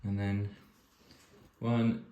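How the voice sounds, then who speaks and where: A man's voice: fairly low pitch, level tone, drawn-out words, warm tone, muffled recording, slight background noise. A man hosting a building video, chatting casually, counting pieces aloud and muttering to himself as he works. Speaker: host building vintage toy sets. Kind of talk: casual chat while building. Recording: echoey room.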